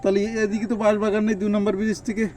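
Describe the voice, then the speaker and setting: A man's voice: high voice, monotone, racing, a little mellow. A man heard over a phone speaker on a call, repeating hello and straining to hear the other side.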